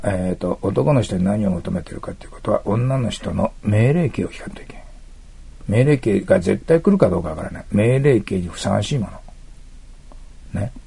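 Gravelly low-voiced man teaching English. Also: dark tone. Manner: explains step by step, asks listeners to mark text. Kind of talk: exam prep lecture.

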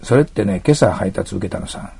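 Gravelly male english teacher, dark husky voice, walks thru exam questions step by step. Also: fairly low pitch, lively intonation, fairly quick. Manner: explains step by step, asks listeners to mark text. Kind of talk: exam prep lecture.

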